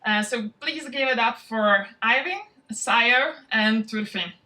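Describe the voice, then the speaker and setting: A woman who founded the bootcamp, welcoming an audience and introducing its students in a relaxed way, with frequent ums. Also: a little high, takes it slowly, far from the mic, very noisy. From from outside Norway. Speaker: bootcamp founder hosting a demo day. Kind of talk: event welcome speech. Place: event venue, spoken to a live audience.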